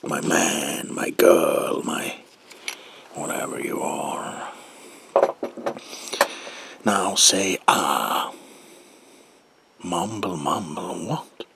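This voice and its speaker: A man playing a manic, sinister comic-book villain as examiner in a whispered ASMR roleplay, with a gravelly, breathy voice and theatrical, unhinged delivery. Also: deep voice, a bit bright, full character voice. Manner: theatrical, drawn-out words with unhinged swings.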